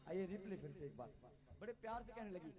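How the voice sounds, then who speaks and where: A man with a high, carrying voice hosts a live devotional gathering on stage. He tells comic sketches with theatrical flair and keeps calling out to the devotees, with live music clearly playing behind him. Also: animated, fast. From Uttar Pradesh, India. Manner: theatrical, addresses the crowd as devotees. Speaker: devotional singer and stage host. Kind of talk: live devotional show narration with comic skits.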